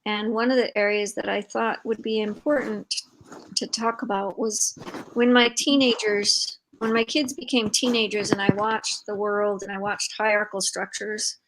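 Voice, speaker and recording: An older woman hosting a live video-call interview, talking in a warm, rambling way with many fillers. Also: mid-range voice, little pitch movement, moderate pace, slight background noise, poor audio. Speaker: host and founder of an organization. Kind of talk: casual conversational interview.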